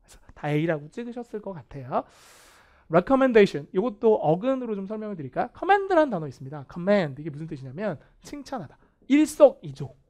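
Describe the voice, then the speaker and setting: A man teaching English vocabulary in a video lecture, animated and playfully self-mocking. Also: high-pitched, normal speed. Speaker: English test instructor.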